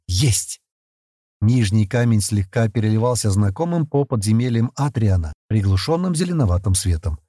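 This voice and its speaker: A man narrates an adventure novel aloud in an expressive storytelling manner. His voice is husky and his pitch moves in lively swings. The recording is close and dry, with no room sound. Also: no echo. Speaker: audiobook narrator. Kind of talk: scripted narration.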